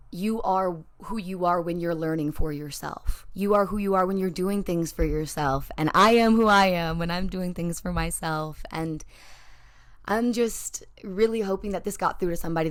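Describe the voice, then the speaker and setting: A woman hosting a solo podcast who talks into a microphone in an animated, rambling way and swears casually. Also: lowish voice. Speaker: podcast host.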